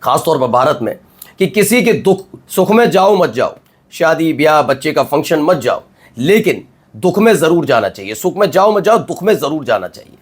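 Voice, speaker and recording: A man hosting a news commentary show, emphatic and full of rhetorical questions and drawn-out pauses. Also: on the high side, big pitch swings, slightly rough. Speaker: news anchor.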